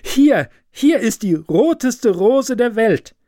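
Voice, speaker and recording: A man voicing an impulsive, self-absorbed young student in a fairy tale, with loud, excited exclamations. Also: fairly high pitch, a little slow, no room sound, studio quality.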